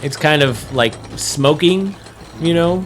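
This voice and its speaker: A man narrating a tabletop game as game master, describing scenes with many pauses and restarts. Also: a little high, animated. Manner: rambling, searching for words with many likes and restarts.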